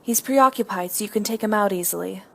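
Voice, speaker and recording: A calm female surveillance operator played by a woman guides spies in a film. Her voice sits at an average pitch, with faint noise and ambience around it. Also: fast, gravelly. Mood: calm, informative. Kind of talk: scripted dramatic acting in a spy film.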